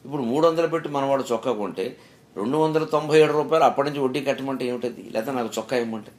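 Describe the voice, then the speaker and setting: Brief: middle-aged man, spiritual discourse, animated storytelling with rhetorical questions. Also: mid-range voice, rapid-fire. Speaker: spiritual speaker.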